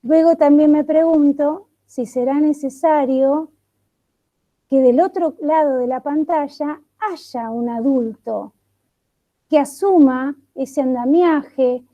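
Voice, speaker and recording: A woman with a high voice and dark tone runs an online catechesis workshop on a video call. She reflects aloud, posing question after question and pausing thoughtfully between them.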